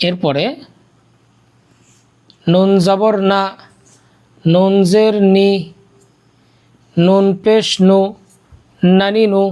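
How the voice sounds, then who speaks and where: A Quran reading teacher leading a slow drilling lesson on Arabic letters, patiently spelling out each sound and repeating it. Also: mid-range voice, fairly even intonation, dark tone.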